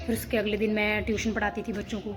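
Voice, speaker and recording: A young vlogger from Himachal Pradesh, India tells her viewers a story straight to camera, rambling and chatty with many restarts. Her mid-range voice has little pitch movement and a quick pace, with soft music playing in the background.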